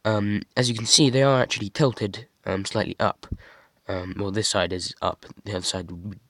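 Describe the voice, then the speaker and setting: A young man casually showing off a toy model he built, talking in a monotone with many fillers and restarts. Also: on the low side, moderate pace, dry recording. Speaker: hobby builder showing a model. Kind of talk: casual show-and-tell.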